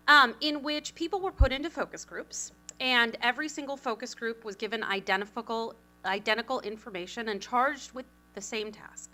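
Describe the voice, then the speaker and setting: A woman presents at a conference in a bright, forward voice that keeps up a quick clip. She drops in playful asides about herself as she goes. Faint music sits low behind her. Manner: fast, animated, self-deprecating asides. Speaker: communications consultant, panel speaker.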